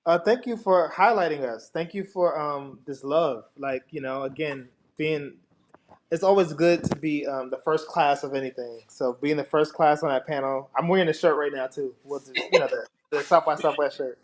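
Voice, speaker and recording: Higher-pitched man talking through a swollen lip. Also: crowd noise. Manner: halting, repeats phrases, slangy. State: swollen mouth, talking slightly impeded. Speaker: panelist, wrestling stylist. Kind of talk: casual chat on a livestream panel. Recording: clearly noisy livestream line with clicks.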